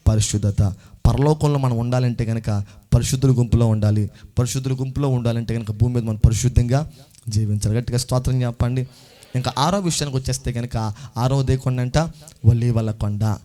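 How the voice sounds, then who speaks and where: A man preaching a sermon as pastor, repeating phrases and building to loud exclamations as he calls on the congregation to answer back. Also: mid-range voice, steady tone, fairly quick. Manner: call-and-response preaching, urging the congregation to answer louder.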